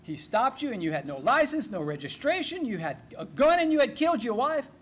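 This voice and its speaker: A man's voice: very high voice, very animated, brisk, pitched above the performer's own voice, full character voice. A man with a Cajun accent playing a parish sheriff who questions a driver firmly and formally. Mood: stern. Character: stern male parish sheriff.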